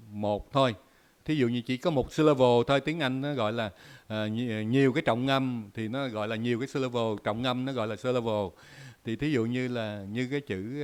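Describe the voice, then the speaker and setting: A man from Vietnam talks through his own commentary show in a loose, unscripted way. His voice is smooth and resonant, at an ordinary pitch, and he leans on constant "à" and "ờ" fillers. He often stops to repeat words and draw out spoken examples. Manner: many filler "à" and "ờ", repeats words while thinking; explains by drawn-out spoken examples. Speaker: host. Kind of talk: casual commentary monologue.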